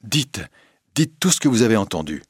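Brief: anxious young woman singer, tense and pleading, read by a low-voiced man. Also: animated, normal speed, breathy edge, no room sound, studio quality. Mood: earnest.

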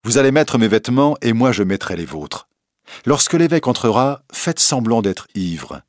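A man's voice: medium pitch, sing-song, normal speed, no echo, clean studio sound, voice pushed up, lightly acted. A man voicing a bold, generous outlaw who speaks with confident, mocking politeness. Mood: assured, mocking. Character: bold, generous male outlaw, young adult.

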